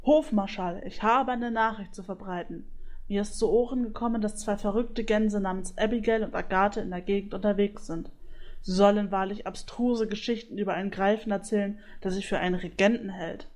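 A woman's voice: mid-range voice, fairly even intonation, brisk, a little mellow, close to an everyday voice. A woman voicing a pompous male griffin who fancies himself a count, speaking grandly and singing off-key.

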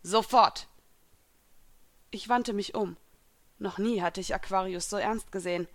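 A woman reading a first-person story aloud in a steady narrating voice. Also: medium pitch, moderate pace. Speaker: reader.

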